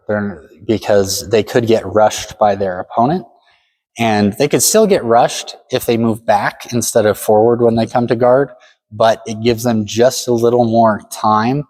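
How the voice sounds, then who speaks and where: A man's voice: on the low side, a little mellow, low-quality recording. A man giving a step-by-step demonstration lesson as a fencing instructor, matter-of-fact and full of directions.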